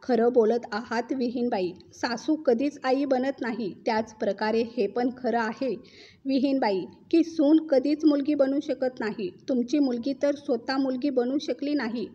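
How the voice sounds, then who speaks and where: A woman voicing a calm middle-aged mother-in-law who answers in a measured way. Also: high voice, breathy edge, dull audio. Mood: firm.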